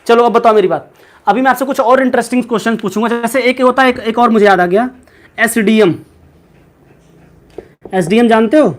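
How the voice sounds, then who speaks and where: A man with an extremely high-pitched voice teaches English in a live online class, speaking a little fast with long pauses. He keeps quizzing students, repeats his questions, and calls on them by name and by pet names.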